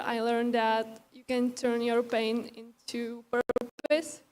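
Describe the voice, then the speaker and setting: A woman from the Czech Republic gives a prepared pageant speech in English, her second language. She speaks in a fairly high, level voice with little rise and fall, earnest and measured. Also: a little mellow, slight background noise. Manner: earnest, measured delivery with small grammar slips. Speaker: pageant contestant.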